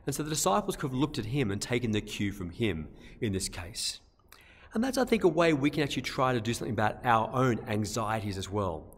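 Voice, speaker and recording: Aussie priest giving a homily, voice goes up and down a lot, lots of church echo. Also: male voice, medium pitch, sing-song, brisk, husky. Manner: gentle, conversational, with frequent repetitions. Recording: long church reverb.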